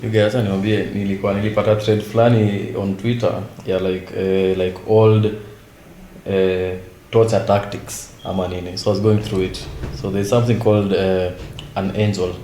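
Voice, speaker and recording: A man's voice: sits low, flat delivery, normal speed, mellow. Kenyan male, casual storyteller switching between Swahili and English, echoey room, faint noise.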